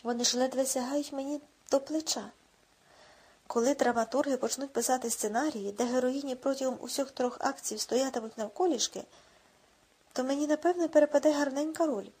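A woman voicing a sarcastic, husky young actress. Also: high-pitched, fairly quick, darkish tone. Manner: grumbling, sarcastic. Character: tall sharp-tongued young blonde actress, complaining.

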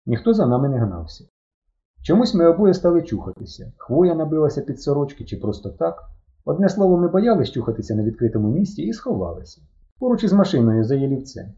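A man narrates a first-person adventure story with a mellow, darker tone. His pitch moves a lot, animated rather than flat. The recording sounds dull and lo-fi. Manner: lively, expressive reading with voiced characters. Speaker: audiobook narrator. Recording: muffled lo-fi recording.

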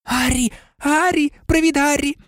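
A man doing a high excited schoolboy. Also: a little fast, creaky, dry recording, clean studio sound, exaggerated voice. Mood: eager. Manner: excited, pestering. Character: eager star-struck young schoolboy.

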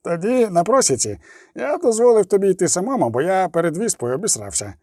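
A man voicing a gruff, boastful male dwarf warrior in an audiobook, grumbling and swearing. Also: sits high, very animated, brisk, a little mellow, dry recording, clean studio sound, voice pushed up, heavily acted. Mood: blustering. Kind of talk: audiobook character voice.

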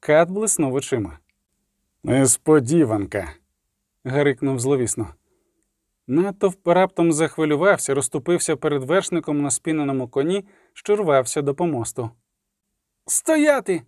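A man narrating a fantasy audiobook in an expressive, dramatic reading style. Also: a little high, normal speed, dry recording, clean studio sound.

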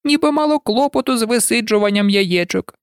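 A reader voicing a frantic, shrill female pigeon who scolds and shrieks in a storybook recording. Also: expressive, a little fast, clear, resonant tone, no echo, studio quality, lightly acted. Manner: scolding, indignant, breaking into cries. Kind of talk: audiobook reading.

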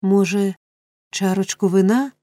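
A woman's voice: mid-range voice, lively intonation, slow pace, warm tone, no room sound, studio quality. A woman voicing a pompous, flustered middle-aged male parish beadle who stammers and fusses. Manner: fussy, stammering.

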